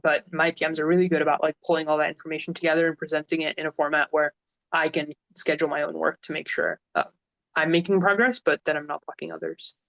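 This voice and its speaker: Chatty man with a high voice. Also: level tone, fast, vocal fry, fairly bright tone, dry recording. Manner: chatty, frequent fillers and restarts. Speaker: host. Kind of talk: casual livestream chat. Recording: lo-fi stream audio.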